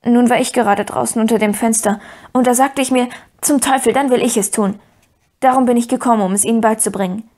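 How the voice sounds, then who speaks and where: An eager young boy who pleads and presses his point in urgent, breathless bursts, as a woman reading a storybook puts him on. The voice sits fairly high and rushes along when he gets going. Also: steady tone, a little mellow, natural voice. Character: eager earnest young boy, talking fast. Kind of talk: audiobook character voice.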